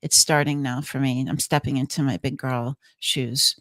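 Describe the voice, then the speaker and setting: A woman's voice: extremely low pitch, fairly even intonation, normal speed, a bit bright, dry recording, clean studio sound. A woman speaking as an interview guest, explaining things conversationally in earnest, emphatic short phrases. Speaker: guest, trance channeler.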